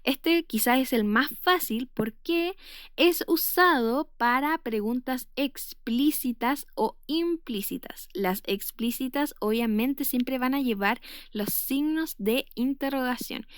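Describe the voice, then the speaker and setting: A woman's voice: sits high, slow, no echo, clean studio sound. A woman teacher with a Chilean Spanish accent giving a recorded spelling lesson, explaining step by step with frequent "eh" fillers and stressed example words.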